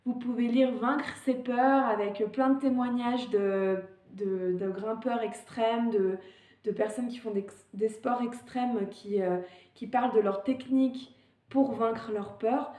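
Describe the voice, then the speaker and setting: A woman's voice: a little high, fairly even intonation, takes it slowly, dark tone, reverberant. A woman vlogger giving casual advice on climbing fears, often hesitant, with fillers and restarts.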